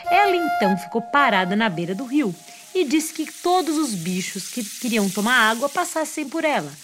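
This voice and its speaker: Brazilian female children's storyteller, expressive fireside storytelling, playful and high-pitched, music underneath. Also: normal speed.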